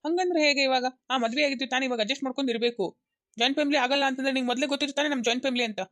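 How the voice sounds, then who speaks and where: Young husband voiced by a woman, insistent, coaxing, very quick talk, dry close sound. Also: high voice, fairly bright tone, no echo. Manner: insistent, coaxing, repeating himself. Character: young husband caught between wife and mother.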